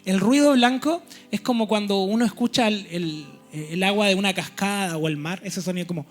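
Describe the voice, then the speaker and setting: A man's voice: high-pitched, a little fast, soft background music. A man preaching a teaching sermon in a church. He explains step by step and keeps checking in with his listeners.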